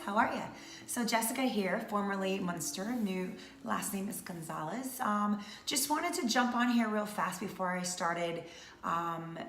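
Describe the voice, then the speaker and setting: A woman's voice: fairly low pitch, fairly bright tone. A woman in her thirties from North Georgia, chatting casually to camera as a vlogger with many fillers. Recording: echoey room with faint noise.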